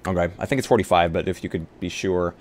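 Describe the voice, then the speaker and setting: A low-voiced man talks quickly on a live online tabletop roleplay stream, thinking aloud and bantering, with some swearing, while he builds a game character. He's a streamer and player, and background noise comes through clearly.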